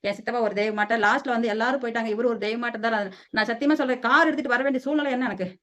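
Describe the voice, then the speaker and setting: Fast-talking, heated middle-aged woman. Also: fairly high pitch, a bit bright. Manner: heated, defiant, scolding, repeats "சரியா?". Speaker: lifestyle vlogger. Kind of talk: angry personal rant to camera. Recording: dull lo-fi audio.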